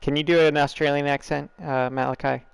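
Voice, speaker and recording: During a casual game stream, a young American man with a General American accent jokes around with his chat and laughs. His voice is fairly high and fairly quick, with little pitch movement and a texture both gravelly and smooth, recorded without echo.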